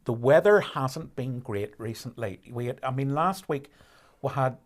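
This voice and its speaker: A man commentating on a rally live stream, explaining conditions in a measured way with fillers and restarts. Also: medium pitch, animated.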